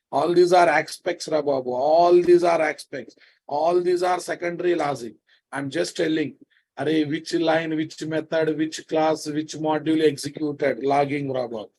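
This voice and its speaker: In a fairly high, fairly even voice that runs a little slow, a male programming teacher with a Telugu Indian accent lectures live. His style is repetitive and questioning, and he prods his students with familiar, scolding remarks.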